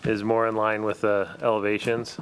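A man chairing a town planning board meeting in a relaxed, casual way with plenty of fillers. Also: fairly low pitch, moderate pace. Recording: faint background noise.

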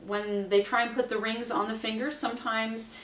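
A woman's voice: a little high, little pitch movement, normal speed. A woman in her forties, a wedding minister, giving practical training to camera in a chatty way, playfully acting out what people say. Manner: chatty, practical, acts out quotes with a bright lilt. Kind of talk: instructional talk to camera. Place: small room at home, indoors. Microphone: camera mic at a distance. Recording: roomy, distant camera sound.

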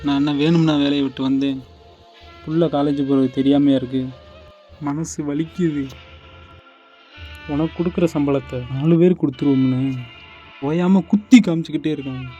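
A man's voice: fairly even intonation, normal speed, pauses often, mellow, lo-fi sound, faint music behind, natural voice. An actor playing a father who was humiliated at work, speaking in a hurt, weary way. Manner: hurt, weary, low-spoken. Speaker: father of two daughters. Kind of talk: family short-film drama.

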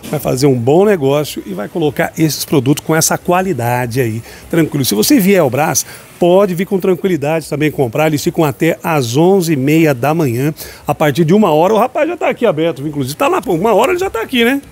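With a slightly high, somewhat mellow and slightly rough voice, a man talks briskly and with lively intonation. He's a shopping vlogger touring a busy city street's night market on a handheld phone, bantering with vendors and upbeat as he keeps saying "gente" to his viewers.

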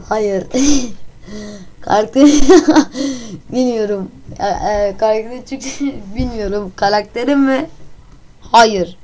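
A woman's voice: on the high side, slow pace, long pauses, mellow, slight background noise. A woman hosting her own channel, casually talking through a guessing game while giggling and joking crudely. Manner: giggly, answers questions aloud and jokes crudely.

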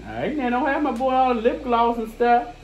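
A man's voice: very high voice, normal speed, darkish tone, slight background noise. A man hosting a casual family vlog at home, teasing and cooing at a baby before speaking straight to viewers. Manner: playful baby talk to an infant, then a direct address to viewers. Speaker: vlog host.

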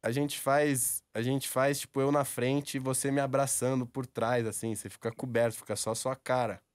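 A man's voice: medium pitch, level tone, normal speed, no room sound. A Brazilian man in his twenties in casual, coaxing, slangy chat at a studio microphone. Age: 20s. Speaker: radio prank caller. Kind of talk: casual persuasive phone prank chat. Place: radio studio. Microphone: studio microphone on desk stand.

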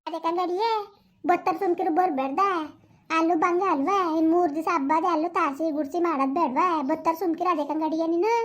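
A woman in a village comedy sketch who scolds and consoles in rapid bursts. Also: very high-pitched, steady tone. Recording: dull lo-fi sound.

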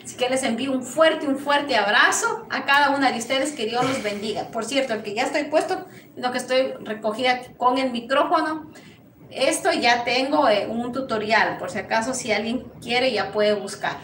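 A woman's voice: fairly high pitch, normal speed. A woman from Ecuador with an Ecuadorian Spanish accent, teaching a live sewing lesson in a small workshop and often checking in with "¿sí?" between blessings. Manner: warm blessings and greetings, frequent "¿sí?" check-ins. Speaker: sewing instructor. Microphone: lapel mic on a camera set back. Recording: echoey room, distant mic, noisy.

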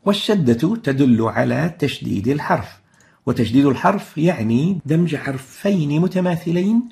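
A man's voice: a little high, gravelly, darkish tone. A man teaching a lesson, explaining step by step in a patient, methodical way and sounding out examples. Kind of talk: explanatory lesson on Arabic script and recitation.

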